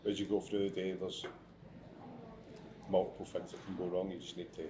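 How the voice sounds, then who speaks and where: This Scottish chef and teacher of students has a low voice and a brisk delivery. He gives a casual, plain-spoken interview in a restaurant, steady but with some restarts, against a noisy background.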